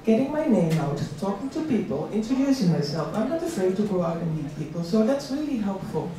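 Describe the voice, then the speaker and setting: A middle-aged woman from the Netherlands, the invited speaker at a career event, delivers a personal, conversational motivational talk and repeats key words for emphasis. Her mellow, mid-range voice swings widely in pitch and runs a little fast. She is recorded in a large room at an employment event, echoey and distant-miked, with audience noise.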